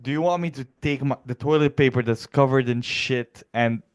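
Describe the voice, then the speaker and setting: Smooth-voiced man ranting crudely. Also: medium pitch, normal speed. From Egypt. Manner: crude, blunt, laughing rants. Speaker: podcast co-host. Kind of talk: casual comedy podcast chat.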